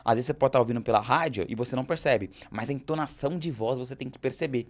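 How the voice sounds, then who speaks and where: A man with a Brazilian accent rattles through a motivational talk, quick and lively. He gives business advice with animated energy and slips into short acted-out exchanges along the way. His voice sits at an ordinary male pitch. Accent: Brazilian Portuguese. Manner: energetic, gesturing, acts out quoted dialogue. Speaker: host.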